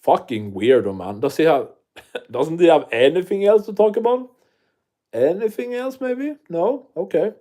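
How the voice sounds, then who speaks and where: A man whose voice sits on the high side, with a dark tone, lively intonation and a measured pace, speaks with a thick non-native accent. He hosts a casual livestream, rambling profanely through viewer comments and often restarting.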